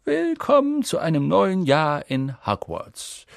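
A jolly, eccentric old wizard headmaster, as an audiobook reader puts him on, speaks slowly and grandly in a raised, loud voice. Every word swings widely up and down. The sound is close and dry. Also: male voice, on the high side, very animated, gravelly, dry recording, pitched above the performer's own voice, exaggerated voice. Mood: grand, cheerful. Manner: slow, loud, grandly welcoming. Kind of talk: audiobook character voice.

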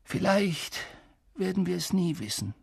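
A reader voicing an old male wizard headmaster, speaking slowly, softly and calmly with a husky tone. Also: medium pitch, no echo, studio quality, pitched above the performer's own voice, heavily acted. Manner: slow, soft and measured.

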